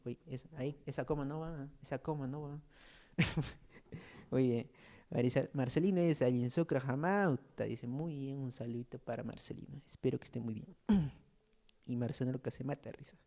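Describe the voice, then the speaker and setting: A man's voice: mid-range voice, dark tone. A man teaching an online language class, chatty and joking as he reads out student comments, with a Peruvian Spanish accent.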